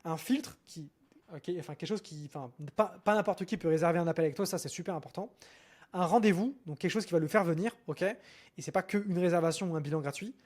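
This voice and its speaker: Homme rapide, ton de coach décontracté. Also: male voice, a little high, a little mellow. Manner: fast, informal, many fillers and restarts, addresses viewer with "ok?". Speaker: marketing coach. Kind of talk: screen-share marketing lesson.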